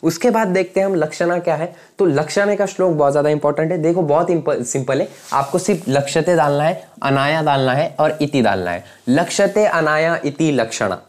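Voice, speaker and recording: A man's voice: a little high, a little fast, hardly any pauses, a little mellow. A young man teaching to a camera, explaining each idea with everyday examples and often stopping to ask whether his viewers follow. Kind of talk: explanatory lecture. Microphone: speaking to camera.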